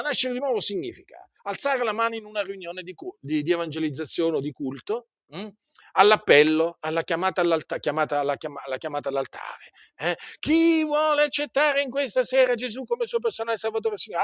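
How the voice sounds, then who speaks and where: A man preaching a sermon, speaking in an animated way, repeating himself and asking many rhetorical questions. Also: fairly high pitch, no echo, clean studio sound.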